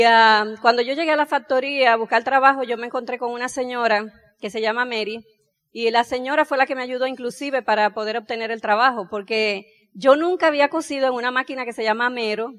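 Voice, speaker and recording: A middle-aged woman, telling her life story in a lively way and acting out the dialogue. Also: fairly high pitch, quick pace. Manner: animated, acts out dialogue, laughs while telling. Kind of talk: personal storytelling talk.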